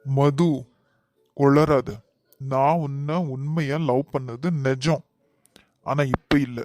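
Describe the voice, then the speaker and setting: A man's voice: mid-range voice, steady tone, slow pace, darkish tone, lightly acted. A man voicing a married young cartoon man with a Kanyakumari Tamil accent, firmly turning away his ex. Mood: cold, firm. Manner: firm, exasperated, then coaxing. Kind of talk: cartoon voice acting.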